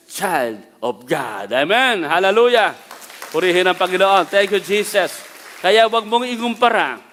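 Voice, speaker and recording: A middle-aged man with a Filipino accent preaches from the pulpit in a medium-pitched voice. He mixes stories with calls of "Amen?" and moves between hushed asides and loud declarations. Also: in a large hall. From Philippines. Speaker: bishop and preacher. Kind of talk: sermon.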